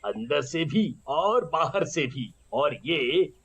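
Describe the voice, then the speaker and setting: A voice actor playing a persuasive male shopkeeper in a cartoon, talking slowly like a salesman. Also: medium pitch, lively intonation, a bit bright, slightly rough, exaggerated voice. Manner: slow, persuasive salesman talk. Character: bargaining adult male AC shopkeeper.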